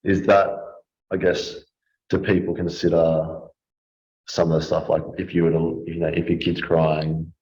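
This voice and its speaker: A man's voice: deep voice, level tone, a little slow, darkish tone. A man hosting a podcast, chatting casually and rambling through his points with restarts. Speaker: podcast host. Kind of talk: casual chat. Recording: roomy, slightly dull sound.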